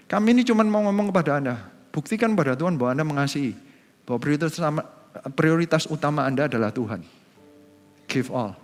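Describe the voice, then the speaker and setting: A middle-aged male pastor with an Indonesian accent preaching a sermon in a chatty way, often acting out quoted voices. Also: a little high. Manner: conversational, acts out quoted voices, repeats words. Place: large church hall. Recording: live church hall with long reverb.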